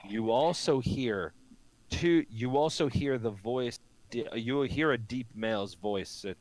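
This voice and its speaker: Mid-pitched man running a tabletop game. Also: slow pace, darkish tone, poor audio. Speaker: game master. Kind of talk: casual tabletop game narration.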